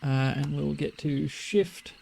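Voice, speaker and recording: A man's voice: on the high side, fairly even intonation, takes it slowly, gravelly, dark tone, a little hiss or hum, rough recording. An Australian man playing a tabletop game, chatting playfully. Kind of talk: casual table chat.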